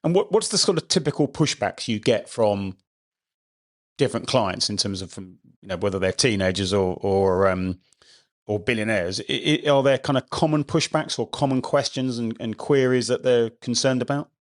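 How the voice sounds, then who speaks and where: A man's voice: medium pitch, moderate pace. A man hosting a podcast interview, asking questions conversationally with restarts. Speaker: podcast host.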